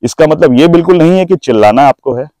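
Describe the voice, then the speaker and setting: A man's voice: a little high, lively intonation, dark tone, dry recording, poor audio. A man teaching presentation skills, stretching and stressing single words to show how emphasis works. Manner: drawn-out, stressed words when demonstrating emphasis. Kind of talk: instructional talk.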